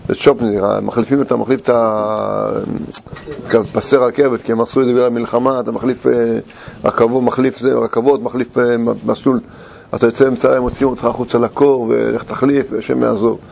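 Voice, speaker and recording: A middle-aged man telling a personal anecdote in casual talk. He is animated and laughs through his story, but halts often, restarting and searching for words. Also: medium pitch, vocal fry.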